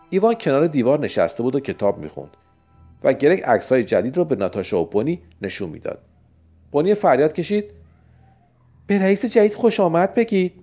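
A man reads a spooky tale aloud and jumps his voice up whenever a character speaks. His tone is mellow and his pitch moves a lot. The recording sounds dull and lo-fi. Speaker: storyteller. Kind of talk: scripted narration of a scary children's story.

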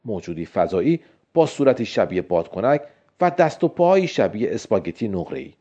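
A man's voice: big pitch swings, dark tone. A man narrating a scary story and lifting his voice for the characters' lines. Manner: voices the characters with raised pitch. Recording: dull lo-fi recording.

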